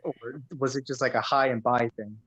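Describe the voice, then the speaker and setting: A man's voice: mid-range voice, steady tone, moderate pace, a bit bright, slightly rough, dull audio. A man in casual conversation who laughs often, says bro, and fills with like.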